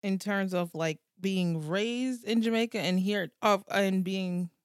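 A woman's voice: medium pitch, slow, clear, resonant tone, dry recording, clean studio sound. An American woman guest chatting thoughtfully on a podcast, searching for her words. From United States. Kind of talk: casual chat.

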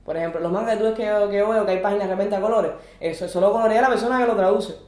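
Fast-talking woman arguing. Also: medium pitch, a little mellow, reverberant. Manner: fast, insistent, interrupts to hold the floor. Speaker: podcast guest. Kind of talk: heated casual debate.

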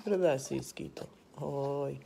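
A woman's voice: very deep voice, slow pace, creaky, mellow, a little hiss or hum. A woman, chatting and exclaiming as she vlogs around a city. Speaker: vlogger. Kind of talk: casual travel vlog. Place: out and about in a city.

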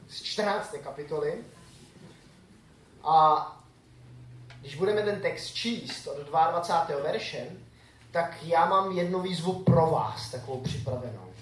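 High-voiced preacher in an echoey hall. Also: male voice, slight background noise. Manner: asks the congregation questions. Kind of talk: sermon with scripture reading. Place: church hall. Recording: echoey church room.

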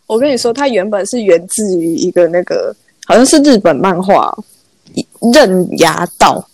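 A woman's voice: mid-range voice, lively intonation, normal speed, a little mellow, dry recording. A young woman co-hosting a casual chat, laughing constantly as she talks. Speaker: podcast co-host.

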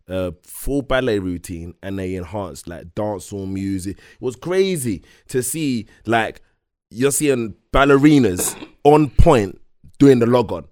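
A man's voice: lowish voice, expressive, a little slow, a little mellow, no room sound. Insistent London roadman, close dry sound. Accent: London, urban slang. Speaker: dancer. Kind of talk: casual group discussion.

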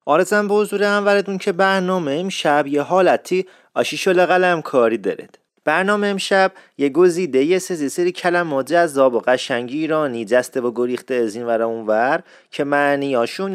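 A man's voice: fairly high pitch, clear, resonant tone, no echo, clean studio sound. A man with an Isfahani Persian accent, hosting a casual, playful talk show. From Isfahan, Iran. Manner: playful, chatty, teasing. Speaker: host. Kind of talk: casual explanatory monologue.

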